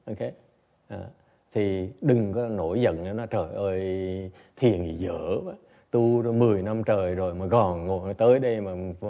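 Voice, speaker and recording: Male Zen teacher, low warm voice, gives a temple dharma talk in two languages. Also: lo-fi sound. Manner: repeats each point in two languages, with chuckling asides. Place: temple Buddha hall.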